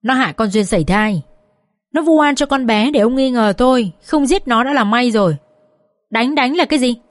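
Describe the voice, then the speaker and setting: A woman voicing a furious, scheming middle-aged mother-in-law who scolds and curses in a shrill voice. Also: animated, moderate pace, dry recording, close to an everyday voice. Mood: raging.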